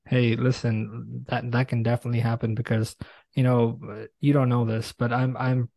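A man from Brooklyn with an American accent, interviewing on a podcast in an effusive, halting way. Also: medium pitch, little pitch movement, vocal fry, warm tone, dry recording. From Brooklyn, New York. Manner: effusive, halting delivery with repeated words.

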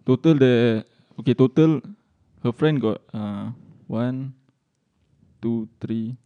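A man's voice: mid-range voice, slow, clear, resonant tone, highs cut off. A man with a Malaysian or Singaporean accent telling a casual podcast story in colloquial slang English full of lah and sia, with some swearing. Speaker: podcast co-host.

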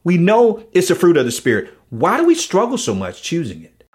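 A man's voice: high-pitched, huge pitch swings, fairly quick, slightly rough. A man hosting a faith talk show, earnestly recapping his guest's points and often repeating his words as he talks. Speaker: podcast host. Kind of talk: conversational interview.

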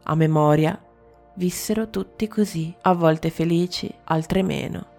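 Gravelly woman reading a fairy tale. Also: fairly low pitch, unhurried, darkish tone. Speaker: storyteller. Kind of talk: storybook narration. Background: faint music.

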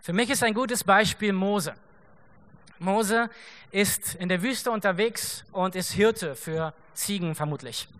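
A young man preaches from a church stage, his high voice bright and forward. He tells the story with energy, slips into short acted quotes and laughs along with the room. The delivery is casual and direct, as if talking to friends. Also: slow. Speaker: pastor. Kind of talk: sermon.

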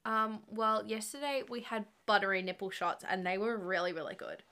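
A woman's voice: medium pitch, steady tone, moderate pace, sharp tone. A woman in her twenties co-hosting a podcast, chatty and explanatory in casual talk. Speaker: podcast co-host. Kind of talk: casual chat.

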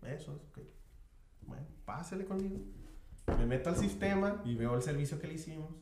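A man's voice: on the high side, fairly quick, echoey room, background noise. Slangy Mexican man telling a story. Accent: Mexican Spanish. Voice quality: nasal. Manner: slangy, animated anecdote teller, peppers speech with "güey". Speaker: podcast host. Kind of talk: casual storytelling chat.

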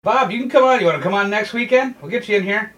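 Thirtysomething guy hosting a chat podcast, joking around, kinda high voice, sounds a bit off mic w/ faint hiss. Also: fast, a bit bright, recorded from a distance. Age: 30s. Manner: laughs often, loose joking banter. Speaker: podcast host. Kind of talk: casual chat.

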